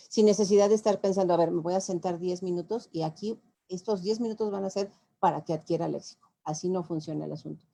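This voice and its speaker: A woman with a Mexican accent explains language to students in a relaxed, conversational lecture. Her voice sits low and mellow with a gravelly edge. She pauses on fillers as she thinks. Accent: Mexican Spanish. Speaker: guest lecturer, linguist. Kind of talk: lecture answering audience questions.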